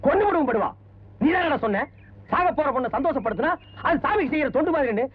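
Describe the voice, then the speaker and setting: An actor playing a loud, bossy male comic trickster in 1990s film comedy dialogue, mocking and quick with banter. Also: extremely high pitch, animated, very noisy. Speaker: comic sidekick posing as a film cameraman. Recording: lo-fi tinny old film soundtrack.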